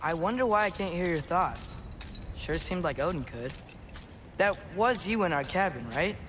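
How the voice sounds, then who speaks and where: In this game cutscene, a man pitches his voice high to play a plucky young male apprentice, with music in the background and a faint hiss or hum. He sounds animated and fairly bright at a normal pace, muttering to himself with dry wit.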